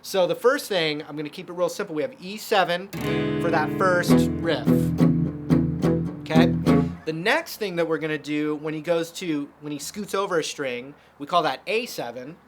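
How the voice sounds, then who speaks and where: A man's voice: on the high side, moderate pace. A man teaching a casual guitar lesson, explaining chords step by step with lots of fillers.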